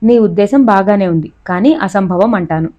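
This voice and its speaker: A woman's voice: medium pitch, normal speed, mellow, highs cut off, close to an everyday voice. A woman reading the lines of a reserved young man who answers tersely and dryly.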